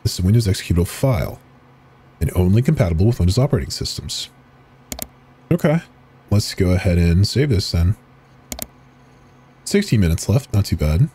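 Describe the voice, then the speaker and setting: A horror game video narrator with a low, sing-song, mellow voice reads web pages and installer text aloud dramatically, clicking through at a brisk pace. He pauses often and drops brief, casual asides, with slight background noise behind him.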